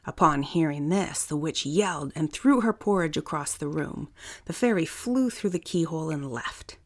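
A woman reading a children's story aloud in a calm, unhurried way. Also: sits low.

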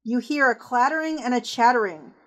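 A woman with a somewhat high voice runs a tabletop horror game. Her narration is hushed and suspenseful, with deliberate, descriptive scene-setting. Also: lively intonation. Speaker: game master.

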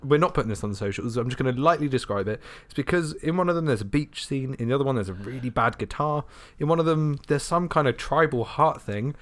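A man's voice: medium pitch, expressive, fast, hardly any pauses. A young man co-hosting a podcast in casual chat, self-mocking and laughing often. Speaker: podcast co-host.

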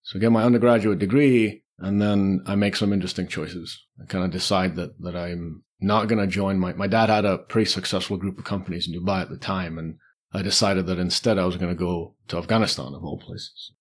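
Here the forties-aged guest from Lebanon, the Czech Republic and the UAE speaks low and brisk, his intonation fairly even. On the podcast he shares personal stories casually, voicing past thoughts as he goes.

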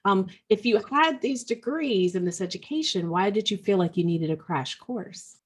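A woman's voice: medium pitch, lively intonation, normal speed, breathy edge. A woman co-hosting a podcast interview who speaks in an enthusiastic, casual way with frequent likes. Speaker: podcast co-host.

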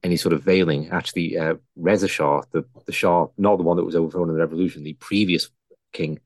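A man's voice: deep voice, steady tone, fast, darkish tone, dry recording. A man giving historical commentary in a conversational style.

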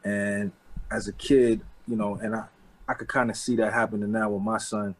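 A man's voice: fairly low pitch, level tone, normal speed, low-quality recording. A man in his forties from the Bronx with a New York accent, talking casually as an interview guest, loose and street-casual. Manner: loose and street-casual, with frequent "you know what I'm saying".

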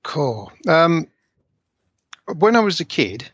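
A man's voice: a little high, big pitch swings, slow, fairly bright tone, slightly rough, no room sound. A man in his forties with an Essex accent, chatting casually and self-deprecatingly about himself as an interview guest. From Essex, England. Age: 40s. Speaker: interview guest, scale model hobbyist. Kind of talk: casual conversation, telling life story. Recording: slightly dull, lo-fi voice recording.

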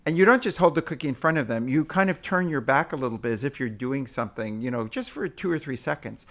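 A man's voice: mid-range voice, lively intonation, quick pace, a bit bright. A man in an interview explaining parenting techniques, now and then acting out sing-song parent voices. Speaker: parenting expert guest.

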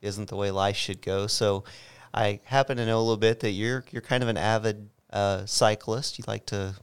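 Smooth low-voiced enthusiastic host. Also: male voice, fairly even intonation, moderate pace. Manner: enthusiastic storyteller, many fillers. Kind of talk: casual chat.

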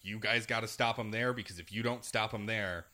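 A man casually retelling a video game's story, animated and acting out characters' lines as he goes. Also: on the low side. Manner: animated, acts out characters' lines with quick voice shifts and laughter. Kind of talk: casual chat recapping a video game.

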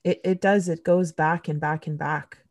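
A woman's voice: low-pitched, fairly even intonation, moderate pace, darkish tone. A woman from Canada hosting a podcast, telling a candid, emotional personal story in casual conversation, with blunt swearing. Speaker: podcast host.

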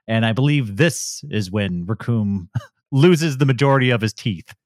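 A man's voice: fairly low pitch, lively intonation, measured pace, no room sound, clean studio sound. A man co-hosting a podcast, talking casually and laughing easily as he discusses episodes. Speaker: podcast co-host. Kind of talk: casual review chat.

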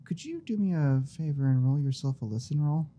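A woman's voice: deep voice, lively intonation, brisk, crowd noise. A woman running a tabletop horror role-playing game as game master in an informal, playful way. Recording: clearly noisy room recording.

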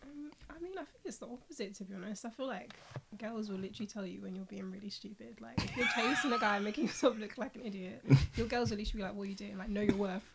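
A woman's voice: mid-range voice, fast, gravelly, hardly any pauses, noisy background. A young woman telling anecdotes casually in a self-mocking, conversational way.

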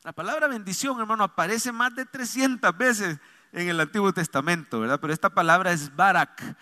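A man's voice: high-pitched, a little fast, sharp tone, long reverb tail. A man preaching a sermon as pastor, fervent and calling on the congregation to answer and repeat after him. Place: church hall.

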